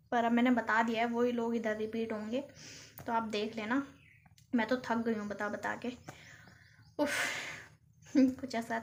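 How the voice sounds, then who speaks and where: A woman's voice: a little high, slight background noise. A young woman from Uttarakhand, chatting and giggling as she shows viewers a photo album, filmed on her phone at home. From Uttarakhand, India. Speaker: vlogger. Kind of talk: casual chat showing a photo album. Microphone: phone camera.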